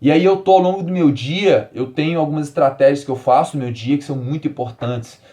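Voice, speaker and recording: Animated Brazilian-born man teaching. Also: on the high side, fairly quick. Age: 40s. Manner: animated, emphatic, repeats key words, drops to calm soft tones. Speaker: podcast host. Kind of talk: solo podcast teaching.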